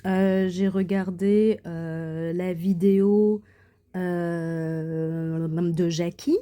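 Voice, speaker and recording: Extremely slow and fairly even in intonation, her lowish voice carries a dark tone. The Quebec craft channel host displays her coloring and embroidery in a chatty show-and-tell vlog, hesitating and restarting with many fillers.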